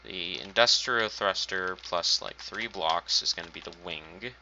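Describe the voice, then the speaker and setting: A man with a low, pushed and bright voice talks unhurriedly, a faint hiss or hum audible underneath. He hosts a gaming channel, casually narrating his own play as he builds, thinking aloud and poking dry fun at himself in a dull lo-fi home recording.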